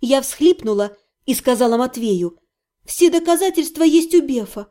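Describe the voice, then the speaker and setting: Brief: woman audiobook narrator, high voice, mellow dark timbre, expressive first-person reading. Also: normal speed.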